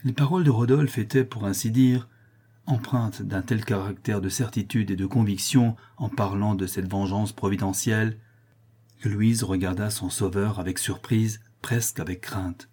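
A man reading a classic novel aloud as an audiobook, narrating in a steady, measured way. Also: fairly low pitch, breathy edge. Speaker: audiobook reader.

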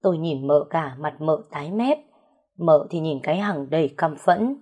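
A woman narrating a story in a steady, sorrowful way. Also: sits low, normal speed, breathy edge.

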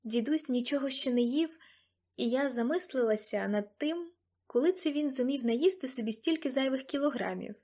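A woman narrating an audiobook in a calm, measured reading voice. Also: sits high.

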